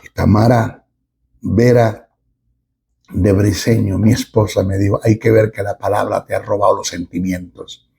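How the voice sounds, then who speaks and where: A middle-aged man preaching a sermon as a pastor, emphatic and with dramatic pauses. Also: fairly low pitch, little pitch movement, vocal fry, a little mellow, slightly rough.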